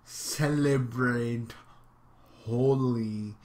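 A man's voice: medium pitch, fairly even intonation, extremely slow, a little mellow. A man reading out would-you-rather questions and answering them offhandedly in casual commentary. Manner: reads questions aloud, then answers offhand. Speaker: YouTuber.

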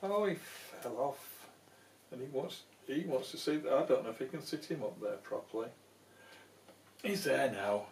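A grandfather in his sixties reads a picture book to his grandchildren, playfully coaxing the little ones along in an animated, creaky, medium-pitched voice at a moderate pace. It's a small room at home, with the camera a few feet off, so the sound is a bit distant and echoey with slight hiss or hum.

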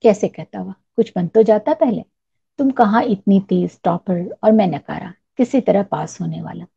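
Woman voicing young man, earnest, shy, gravelly, husky. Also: mid-range voice, moderate pace, mellow. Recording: dull lo-fi recording.

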